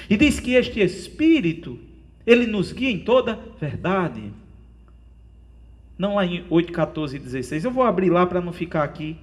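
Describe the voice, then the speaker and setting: Brazilian male pastor, high-pitched, earnest sermon delivery that keeps addressing listeners as "dear". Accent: Brazilian Portuguese. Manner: earnest preaching, often calls listeners "querido".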